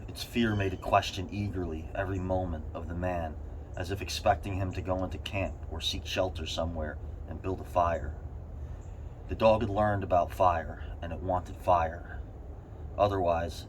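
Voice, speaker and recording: A man with a low-pitched voice reads a story aloud. His delivery has strained bursts of emphasis. There is faint, steady noise behind him. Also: normal speed, rough recording. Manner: strained bursts of emphasis, as if sitting in an ice bath. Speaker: reader of a short story. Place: in an ice bath.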